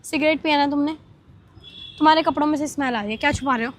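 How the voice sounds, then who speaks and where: Young woman, very high voice, scolding, pleading, casual phone vlog. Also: quick pace. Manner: scolding, pleading, voice rising in anger. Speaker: vlogger. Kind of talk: casual argument on a prank vlog.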